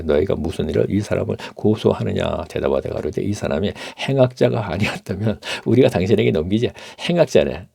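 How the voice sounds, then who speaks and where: A middle-aged man teaches from the Bible, reading verses aloud and breaking off to explain them in an easy, talking-to-you manner. His voice sits very low and dark, with a gravelly edge. The sound is dry and close. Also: no room sound. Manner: reads scripture aloud, then explains it in plain conversational asides.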